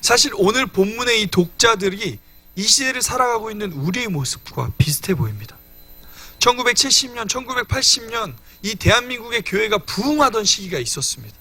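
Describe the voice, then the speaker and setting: A young male preacher delivers a midweek sermon, explaining scripture in an earnest teaching manner and speaking straight to his listeners. His voice sits high and bright, and his pitch rises and falls in animated swings. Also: brisk. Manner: earnest teaching, addresses congregation directly. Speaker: evangelist preaching.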